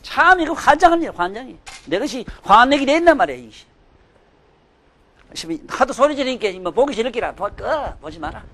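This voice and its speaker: An older man giving a sermon, scolding and emphatic, swinging from loud outbursts to low mutters. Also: big pitch swings, a little fast. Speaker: Buddhist dharma teacher.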